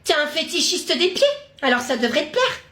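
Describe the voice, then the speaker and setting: A woman's voice: sits high, big pitch swings, a little fast, pushed and bright. A woman performing in comedy sketches with a brash, teasing manner.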